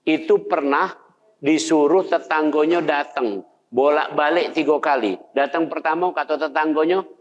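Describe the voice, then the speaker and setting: Speaking at normal speed with a steady tone, an older Indonesian man whose voice is on the high side preaches a conversational sermon, asking his listeners questions. The mosque hall setting gives a long reverb, and the sound is dull.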